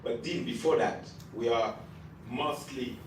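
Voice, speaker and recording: A man's voice: medium pitch, a little slow. A man moderating a panel, putting long, hesitant questions to a guest. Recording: echoey room, distant mic, noisy ambience.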